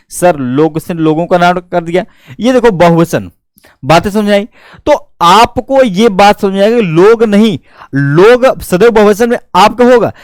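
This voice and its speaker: Young male tutor with a north Indian Hindi accent, for an exam-prep grammar lesson. Smooth, clear voice, close and dry. Chatty, full of rhetorical questions. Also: fairly high pitch, a little mellow, no room sound. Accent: Hindi-speaking north Indian. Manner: explains with many rhetorical questions and student asides.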